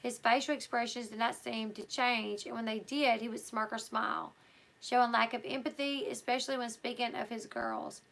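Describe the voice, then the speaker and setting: A woman with a hoarse, slightly high voice and a gravelly fry hosts a livestream, reading a book aloud and chatting loosely with viewers. Her tone is bright with an edge yet steady, her pace moderate, and she thinks out loud with lots of ums and restarts. The audio quality is poor.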